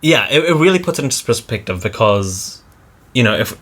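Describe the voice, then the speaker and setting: Bright-voiced man chatting casually. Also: mid-range voice, brisk. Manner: animated, laughs while ranting. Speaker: vlog co-host. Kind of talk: casual chat. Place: walking outdoors by a river.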